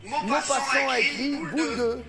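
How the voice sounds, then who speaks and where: A man's voice: very high voice, unhurried. A man hosting a comic quiz, reading out questions and giving the answers. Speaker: quiz host.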